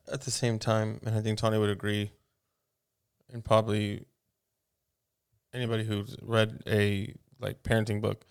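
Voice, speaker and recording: Low-voiced guy rambling and cussing, smooth clear voice, laid-back podcast talk. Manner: profane, rambling, asks questions. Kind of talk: casual chat.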